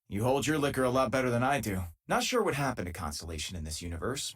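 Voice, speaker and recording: In this video game, a male actor voices an easygoing, wry miner who travels through space and stays a loyal companion. His husky, medium-pitched voice carries a casual, dry humour, and the scripted lines come out as natural conversation.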